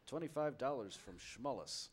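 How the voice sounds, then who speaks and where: A man hosting a charity stream, reading donation messages aloud in a steady manner. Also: mid-range voice, normal speed. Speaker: marathon host reading donations.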